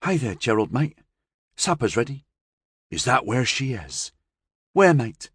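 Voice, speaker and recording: A woman's voice: extremely low pitch, sing-song, unhurried, slightly rough, dry recording, studio quality, pitched above the performer's own voice, heavily acted. A man putting on a blunt slangy young woman. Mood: brisk.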